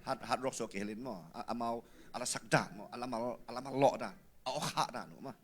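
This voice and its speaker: A man talking through feedback on a singing performance, with coughs and quick laughs along the way. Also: medium pitch, fairly even intonation.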